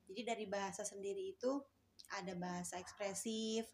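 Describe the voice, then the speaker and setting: A woman speech therapist explains her work casually, pausing often on fillers and restarting her sentences. Her voice sits at a middling pitch. A faint noise runs under the recording. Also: fairly even intonation, creaky, darkish tone. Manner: hesitant, many fillers and restarts.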